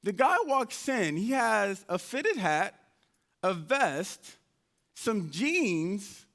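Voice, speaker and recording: High-voiced man telling stories on stage. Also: drawn-out words. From United States (Indianapolis). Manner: animated storyteller, acts out his own past dialogue. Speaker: motivational speaker. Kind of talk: live motivational storytelling talk. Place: event stage before an audience.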